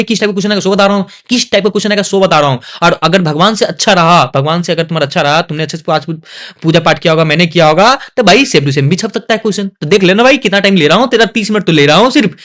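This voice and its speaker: A young man teaching an exam revision lesson, asking his students quick questions and coaxing and scolding them. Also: sits high, a bit bright. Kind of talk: casual online exam lesson.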